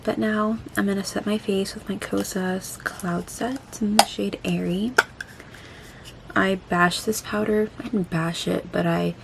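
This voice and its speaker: A woman's voice: fairly low pitch, creaky, slight background noise, poor audio. A woman chatting casually and self-deprecatingly through a makeup vlog, her mouth and jaw swollen after having her wisdom teeth out. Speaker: beauty vlogger.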